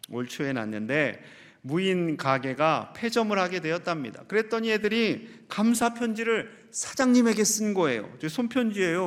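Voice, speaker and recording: A male pastor delivers a Sunday sermon in a fairly high voice. He puts questions straight to the congregation and reads scripture in a slow, emphatic way. His voice carries a long reverb from the church sanctuary. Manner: addresses the congregation directly with questions. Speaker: senior pastor.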